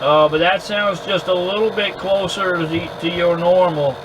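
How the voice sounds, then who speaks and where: A man having a casual two-way radio chat in an easygoing, halting way, often repeating words as he goes. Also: sits high, steady tone. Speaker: amateur radio operator recording contacts. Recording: clear background hum and noise.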